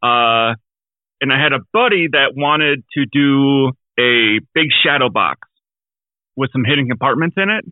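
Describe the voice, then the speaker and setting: A man chatting as a podcast guest over a video call. He rambles with frequent restarts, and his audio keeps cutting out, with words dropping very quiet. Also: mid-range voice, lively intonation, measured pace, no room sound. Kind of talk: casual chat. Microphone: remote call via Skype. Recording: thin, phone-like call audio, dry.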